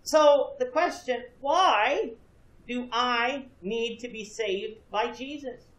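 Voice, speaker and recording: Slow and fairly bright, his voice sits at an extremely high pitch. The man, in his thirties, earnestly explains scripture to a church Bible class with a projection screen and questions his students, recorded from afar in an echoey room by a camera with no visible mic.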